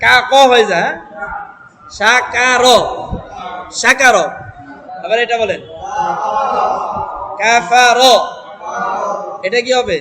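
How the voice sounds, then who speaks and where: A man's voice: very high voice, slow pace, long pauses, background noise. A man teaching Quran reading who sounds out syllables one by one, repeats them and quizzes his listeners, with a Bangladeshi Bengali accent. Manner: drills syllables aloud, repeating and asking the class. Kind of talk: step-by-step reading lesson.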